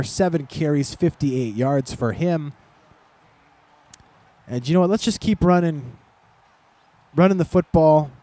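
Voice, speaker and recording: Speaking into a desk mic at home, this gaming commentator rambles casually over a football video game with sarcastic jabs at himself. His voice is on the high side and mellow, with no echo in the recording.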